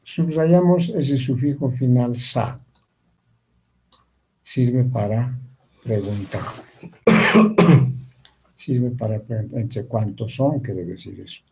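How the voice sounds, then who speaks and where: A man teaching a language class over a video call, reading phrases slowly and having students repeat them. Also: medium pitch, lively intonation, a little mellow, slightly rough, poor audio. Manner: slow, deliberate, spells out each word for students to repeat. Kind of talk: slow language lesson with repetition drills.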